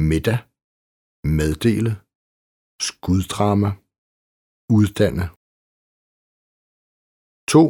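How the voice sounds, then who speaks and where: Low husky guy reading a pronunciation lesson, slow and careful, word by word. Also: darkish tone. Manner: slow, measured, reads example words one by one. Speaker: pronunciation teacher. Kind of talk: scripted instructional narration.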